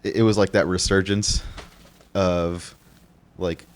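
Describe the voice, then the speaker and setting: A man's voice: sits low, level tone, takes it slowly. A man co-hosting a podcast, chatting casually about movies with lots of fillers and restarts. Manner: rambling, many restarts and fillers. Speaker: podcast co-host.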